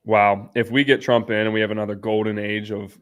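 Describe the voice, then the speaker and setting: A man's voice: fairly low pitch, level tone, fairly quick. A man hosting a live stream, chatting off the cuff in a blunt, informal way with slangy asides. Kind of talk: casual unscripted live stream chat.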